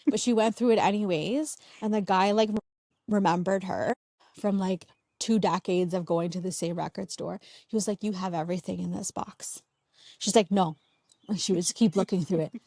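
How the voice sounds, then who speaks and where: A woman's voice: mid-range voice, steady tone, moderate pace, dark tone, dry recording, clean studio sound. A young woman talking casually as an interview guest, sharing family memories with many "like" fillers.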